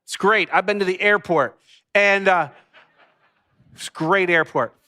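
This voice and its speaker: A high, bright male voice carries a sermon full of jokes and asides. He is a pastor in his thirties, telling a personal story to the congregation before turning to the teaching. He sounds lively and talks straight to the room. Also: a little slow. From United States.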